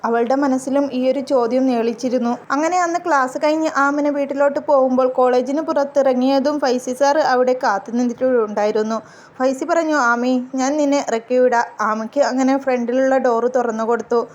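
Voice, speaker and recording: A woman storyteller reading a melodramatic life story with steady, plain narration. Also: high voice, normal speed.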